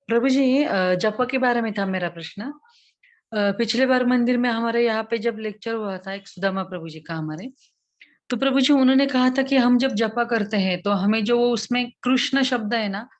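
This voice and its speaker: Woman, student in a class, polite question, halting with pauses, fairly high voice, muffled lo-fi audio.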